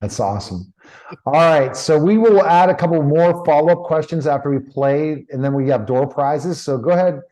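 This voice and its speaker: Mellow-voiced man hosting a video call. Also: a little high, expressive, moderate pace, rough recording. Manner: directive, guiding others step by step. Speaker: event host.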